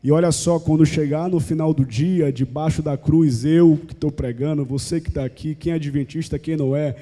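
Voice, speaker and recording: A man's voice: a little high, fairly even intonation, moderate pace, warm tone. A Brazilian man preaching a live sermon to a youth church, asking rhetorical questions and acting out quoted prayers. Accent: Brazilian Portuguese. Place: church sanctuary, live service. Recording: long church hall reverb.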